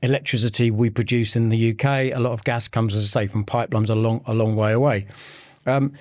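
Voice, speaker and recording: A man, a heating sales manager, explaining things as an interview guest with frequent pauses and restarts. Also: mid-range voice, fairly even intonation, no room sound, clean studio sound. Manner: hesitant, many ums and restarts, explanatory.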